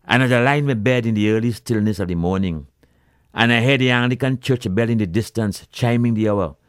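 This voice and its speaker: A man from Grenada with a Grenadian accent, telling a humorous story in a folksy, animated manner with creole phrasing. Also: mid-range voice, fairly quick, clear, resonant tone, dry recording, clean studio sound.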